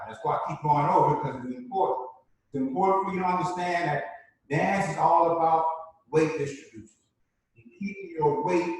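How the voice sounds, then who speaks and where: Man, dance instructor, high voice, very echoey room, distant from the mic. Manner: repetitive, checks in with "right?". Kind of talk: live online dance class teaching.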